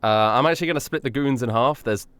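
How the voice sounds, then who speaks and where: A man's voice: medium pitch, fast, a bit bright, clear, resonant tone, dry recording. A man running a tabletop game as game master, playful in his narration.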